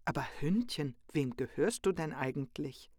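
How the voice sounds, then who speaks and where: A storyteller voicing a kindly old grandfather in a children's story, speaking gently. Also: mid-range voice, normal speed, no echo, studio quality, natural voice. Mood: gentle.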